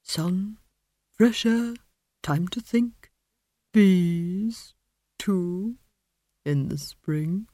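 A woman's voice: mid-range voice, expressive, unhurried, a little mellow, dry recording, studio quality. A woman voicing a sardonic, lecherous old male wizard who has been turned into a tree, with a sarcastic drawl.

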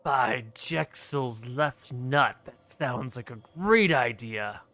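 A man's voice: mid-range voice, slow pace, bright, forceful tone. A man voicing a chatty trader who rambles scornfully about dwarves in a folksy way. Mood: gossipy.

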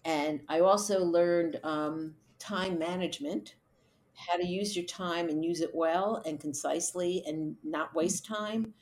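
A middle-aged woman with a slightly low voice talks through her working life as an interview guest. She is chatty and relaxed, tells stories and laughs easily between points. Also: unhurried. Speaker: event producer, guest. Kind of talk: conversational interview answers.

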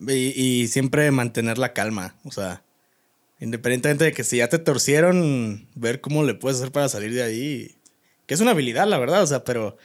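A young Mexican man co-hosting a podcast, chatting casually in slang and laughing easily. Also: medium pitch. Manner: laid-back, slangy, quick to laugh. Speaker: podcast co-host. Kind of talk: casual chat.

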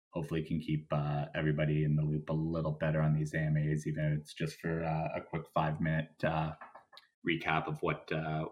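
A man co-hosting a casual Q&A, talking in an unhurried, hesitant way with many ums and uhs. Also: extremely low pitch. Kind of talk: casual live Q&A chat.

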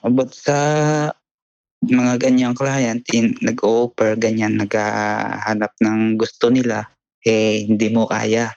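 A man's voice: lowish voice, flat delivery, takes it slowly, vocal fry, darkish tone, dry recording, highs cut off. A young man with a Filipino accent, answering interview questions politely, saying "sir" and ending thoughts with fillers. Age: young adult. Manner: polite and plain, says "sir" and "po", many fillers like "ganyan". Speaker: interview guest, massage therapist. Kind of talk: casual interview.

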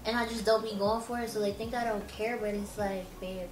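A woman in her late twenties co-hosting a casual podcast chat, blunt and quick to laugh, swearing freely. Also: mid-range voice, steady tone, far from the mic. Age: 20s. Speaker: podcast co-host. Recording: roomy echo, a bit off-mic.

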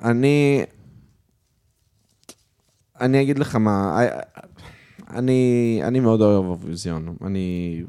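A man's voice: on the low side, pauses often, mellow, smooth. A man hosting a casual chat, inquisitive and jokey in his way of talking. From Israel.

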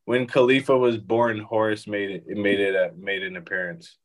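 A man's voice: lowish voice, flat delivery, moderate pace, low-quality recording. A man hosting a casual chat over a video call, swearing freely and laughing often. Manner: profane, laughing, rambling.

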